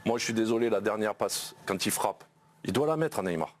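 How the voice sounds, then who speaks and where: A man's voice: lowish voice, lively intonation, brisk, slight background noise. A man, a regular football pundit in a TV studio debate, giving blunt critical opinions with many restarts.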